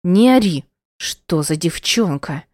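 A woman voicing a cold, domineering young wife who hisses out sharp threats in an audiobook. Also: lowish voice, lively intonation, takes it slowly, no room sound, clean studio sound. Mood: furious.

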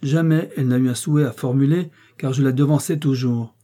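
A man reading an audiobook, voicing a domineering, coldly ironic prince with a dark, husky voice. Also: mid-range voice, fairly even intonation, a little fast, close to an everyday voice. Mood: cold, commanding. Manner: commanding, cutting and sarcastic.

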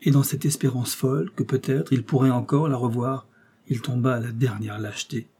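A man narrating a serialized crime novel as an audiobook, with measured, dramatic reading. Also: mid-range voice, fairly even intonation, warm tone, breathy edge.

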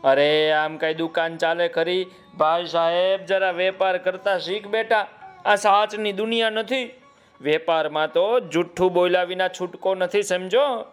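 A man voicing a sly, smooth-talking male shopkeeper who flatters customers and scolds a boy, in a children's story. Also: sits high, measured pace, soft background music. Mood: scolding.

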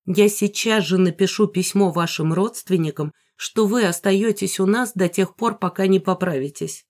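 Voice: mid-range voice, moderate pace, a little mellow, natural voice. A reader voicing a fussy, scheming middle-aged mother bent on marrying off her daughters, theatrical and bossy. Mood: fake concern. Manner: theatrical, bossy, hissing when whispering.

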